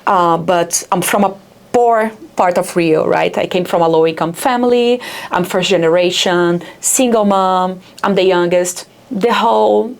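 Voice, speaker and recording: Gravelly and fairly low-pitched, this woman talks at a measured pace. She's a young adult founder of a startup, from Rio de Janeiro with a Brazilian accent, chatting casually in an interview and leaning on "like" and "yeah" a lot.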